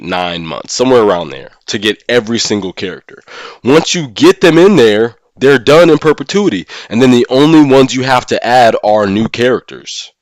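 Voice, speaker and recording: Streaming live, a man with a lowish voice chats about a mobile game, offering his views as he thinks aloud. He's a gaming content creator, and there's no room sound on the recording.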